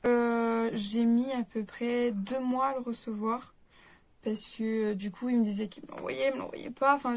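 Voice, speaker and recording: This beauty vlogger, a young woman, talks to her camera at home about a beauty kit she's reviewing. Her pitch sits fairly high and her tone is darkish. She rambles casually, leaning on fillers and frequently correcting herself.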